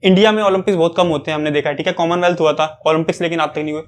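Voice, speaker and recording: Young man, higher voice, chatty exam-prep advice, keeps checking in. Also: fairly even intonation, very fast. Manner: conversational, often checks in with "okay". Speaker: exam preparation guide. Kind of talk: casual advice talk.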